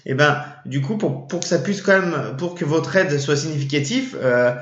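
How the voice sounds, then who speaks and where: A man's voice: a little high, animated, normal speed, fairly bright tone. A man casually explaining to his viewers, hesitant and full of fillers and restarts. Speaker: trading channel host. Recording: roomy, dull lo-fi sound.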